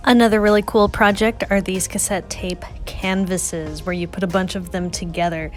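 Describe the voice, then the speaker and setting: With a steady tone and medium pitch, a woman narrates a craft tutorial at a moderate pace. As the host and vlogger, she is chatty, casual and pokes fun at herself, while music runs under her voice.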